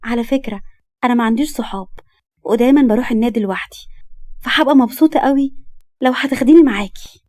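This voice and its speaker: A woman's voice: a little high, fast talker, long pauses, a little mellow, dry recording, studio quality, close to an everyday voice. A woman voicing a cheerful, chatty young woman with an Egyptian accent. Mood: friendly. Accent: Egyptian Arabic. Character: cheerful, lonely young woman, friendly sister.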